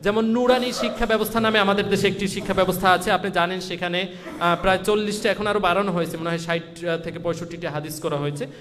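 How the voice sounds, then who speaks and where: Guy with a high voice going over a school syllabus, bit hesitant, echoey reverb. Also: fairly even intonation, fast, a crowd in the background. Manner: hesitant, mixes in English phrases. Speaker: school representative. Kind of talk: explaining a curriculum.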